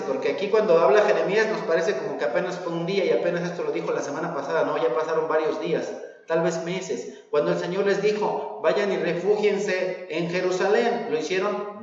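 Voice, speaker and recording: A man with a Mexican Spanish accent preaching a sermon, animated, full of rhetorical questions and acted-out quotes. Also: high-pitched, very echoey, big-room sound, recorded from a distance, muffled recording. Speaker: pastor. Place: church hall.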